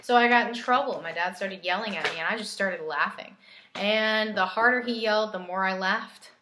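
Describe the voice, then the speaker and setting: A woman's voice: medium pitch, moderate pace, reverberant, noisy background. A woman giving a casual spiritual tarot reading, chatty and coaching, laughing easily as she talks. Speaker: tarot reader.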